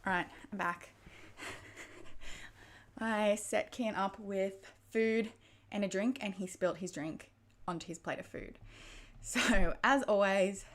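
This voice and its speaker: A woman's voice: mid-range voice, slow, pauses often. Woman on a livestream, out of breath, chatty and laughy, bit frazzled. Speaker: booktube livestream host. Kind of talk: casual live-stream chat.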